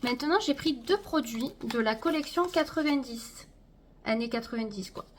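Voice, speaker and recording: A woman's voice: a little high, animated, moderate pace. A woman chatting casually to her viewers as she unboxes a makeup haul, talking to them directly and trailing off with fillers. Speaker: beauty vlogger.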